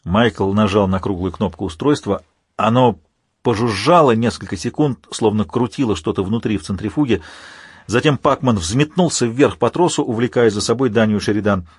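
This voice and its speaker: A man narrating an audiobook in an even, measured reading. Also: lowish voice, husky, no room sound, clean studio sound. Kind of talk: scripted narration.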